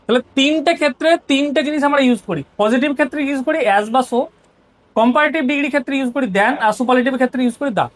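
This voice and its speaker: Brisk Bengali-accented woman teacher. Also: sits high. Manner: explains step by step, often asks "ঠিক আছে?". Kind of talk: grammar lesson explanation.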